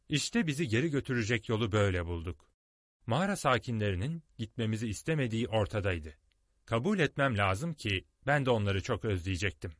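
A man narrating a storybook audiobook in an expressive, dramatic way, recorded on a close studio mic. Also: medium pitch, no room sound.

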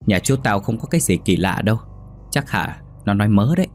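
A man voicing a young man among friends, speaking in a quick, offhand way. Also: lowish voice, expressive, darkish tone, faint music behind. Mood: dismissive. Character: young man, dismissive then nervous.

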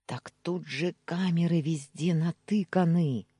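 A woman's voice: lowish voice, unhurried, dark tone, husky, no room sound, pitched above the performer's own voice. A woman voicing a gossipy pregnant young woman who talks in a conspiratorial, often whispered manner in an audiobook. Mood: confiding. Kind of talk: audiobook character voice.

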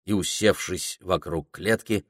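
A man narrating a children's storybook in an expressive reading voice. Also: low-pitched, measured pace, husky, no room sound, studio quality. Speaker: audiobook reader.

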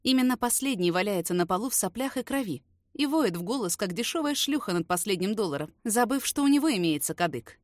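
A woman narrating a novel in the first person, steady and even. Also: mid-range voice, fast talker, no room sound, studio quality. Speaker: audiobook reader.

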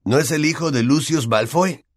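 A man's voice: on the high side, moderate pace, pitched above the performer's own voice, close to an everyday voice. A man with a Latin American Spanish accent voicing a mischievous teenage wizard who talks in a conspiratorial way.

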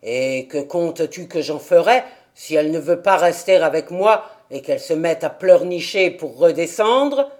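Gruff old alpine grandfather, curt and low-voiced, voiced by a woman narrator. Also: animated, normal speed, few pauses, a little mellow, close to an everyday voice. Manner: rough, curt.

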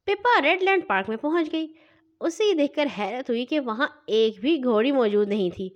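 A woman reading a children's story aloud in an expressive, lively way. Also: sits high, muffled recording.

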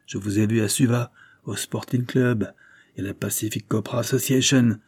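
A man voicing a gruff, mocking middle-aged ship skipper in a storybook reading, his voice raised higher and louder than his narration. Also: steady tone, normal speed, dry recording, clean studio sound. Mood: furious. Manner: gruff, teasing, then urgent.

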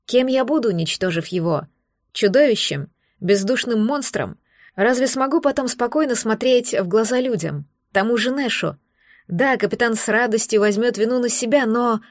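A woman reading a first-person sci-fi audiobook in a steady, expressive way. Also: a little high, normal speed, no room sound, studio quality. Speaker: audiobook narrator. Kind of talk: first-person scripted narration.

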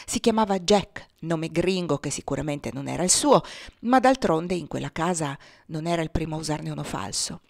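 A woman's voice: mid-range voice, dry recording, clean studio sound. A woman narrating a novel as an audiobook, reading expressively and dramatically. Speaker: audiobook reader.

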